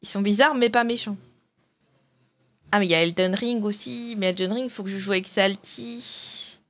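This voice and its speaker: A woman streaming live, talking loosely and thinking aloud while she sorts out her games. Her pitch sits in a middle range, and she chats to viewers in an easy, rambling way. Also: moderate pace, fairly bright tone. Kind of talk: casual live-stream chat.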